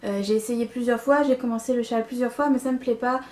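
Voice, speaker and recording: A woman's voice: on the high side, steady tone, quick pace, a little mellow. A young woman hosting a knitting podcast, chatting casually about yarn she received, with frequent fillers and little laughs. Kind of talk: casual chat showing yarn haul.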